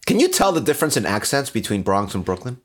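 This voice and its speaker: A man's voice: mid-range voice, sing-song, fast talker. A man hosting a podcast, chatting in a jokey, teasing way. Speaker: podcast host. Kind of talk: casual podcast chat.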